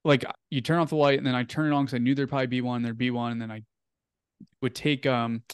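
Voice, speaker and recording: A man's voice: medium pitch, little pitch movement, fast talker, clean tone, dry recording, clean studio sound. A young man telling a story as an interview guest, casual and rambling, full of "like" and "um". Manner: rambling, filler-heavy, "like" and "um" often.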